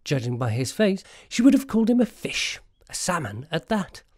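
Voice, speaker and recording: Narrator for scripted storybook audio: medium pitch, animated delivery. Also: normal speed, dry recording, clean studio sound.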